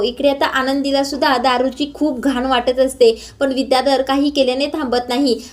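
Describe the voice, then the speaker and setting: Casting: high-voiced woman narrating an episode recap, hesitant fillers. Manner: plain storytelling with filler hesitations. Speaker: TV serial episode reviewer.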